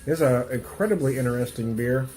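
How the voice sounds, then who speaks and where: Faint music plays behind a middle-aged man doing a relaxed home beer tasting review, rambling and chuckling often despite a stuffy nose from a cold. His medium-pitched voice is warm and a little fast.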